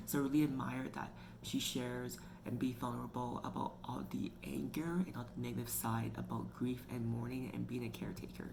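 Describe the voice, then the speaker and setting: A Canadian woman hosts her own book review channel, chatting casually and leaning heavily on "like" and "you know." Her bass voice has vocal fry and a level tone, and she talks fairly quickly with hardly any pauses. Noticeable background noise is audible.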